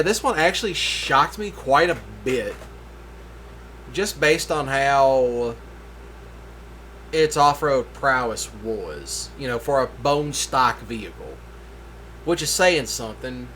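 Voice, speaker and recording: A man's voice: medium pitch, sharp tone, slight background noise. A tired man rambling through a laid-back voice-over for his gaming video late at night, with yawns between thoughts. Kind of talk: casual voice-over commentary.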